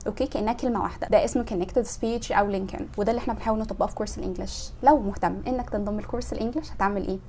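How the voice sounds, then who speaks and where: A woman with an Egyptian Arabic accent teaching an English lesson. She quizzes the listener and repeats example words slowly. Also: mid-range voice, fairly even intonation, dark tone, slight background noise. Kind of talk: spoken language lesson.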